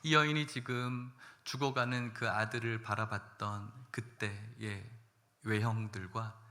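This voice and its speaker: A man's voice: mid-range voice, bright, forceful tone. A man preaching a church sermon, reading scripture and then speaking with rising emotion. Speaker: pastor.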